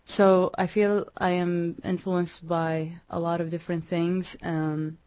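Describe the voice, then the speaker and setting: A young woman from Iraq, a musician guest in an interview, speaking hesitantly with many pauses and restarts. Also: fairly low pitch, flat delivery, a little mellow, no echo. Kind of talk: radio interview.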